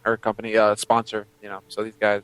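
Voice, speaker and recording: A man's voice: fairly low pitch, completely flat delivery, quick pace, fairly bright tone, smooth, poor audio. A young man co-casting a game tournament live, laid-back and joking. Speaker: esports co-caster. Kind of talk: casual live game commentary.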